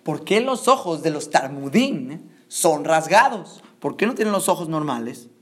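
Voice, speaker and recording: A man's voice: fairly high pitch, very animated, normal speed. A man doing a pestering, needling questioner. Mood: insistent. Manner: insistent, needling. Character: pestering male questioner trying to provoke.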